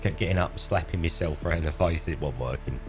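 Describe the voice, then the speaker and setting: Deep-voiced man joking around. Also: a little fast. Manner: joking, teasing, drowsy. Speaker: let's play co-host. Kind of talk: casual gameplay chat. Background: game music.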